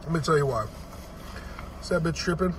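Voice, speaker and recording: A man's voice: on the high side, brisk, fairly bright tone. A blunt, profane man reviewing food in casual chat, talking with his mouth full. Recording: distant mic with faint noise.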